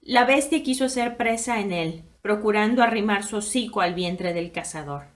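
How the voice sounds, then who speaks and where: A woman narrating a story aloud in a dramatic, expressive reading that swings between hushed and loud passages. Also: mid-range voice, moderate pace.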